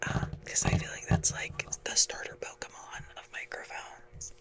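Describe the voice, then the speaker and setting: An ASMR creator, a woman, rambles in a gentle, breathy whisper, her talk halting and relaxed, with a self-mocking streak.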